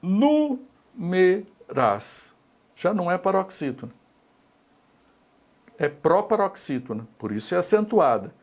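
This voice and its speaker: A man's voice: high voice, very animated, moderate pace, pauses often. A middle-aged Brazilian man with a Brazilian Portuguese accent teaching an exam-prep grammar lesson, explaining step by step and checking in with tag questions.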